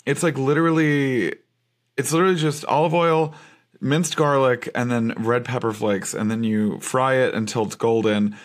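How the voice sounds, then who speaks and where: A man's voice: medium pitch, steady tone, moderate pace. A man co-hosting a casual chat show, playful and campy, gushing with emphatic slang. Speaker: podcast co-host.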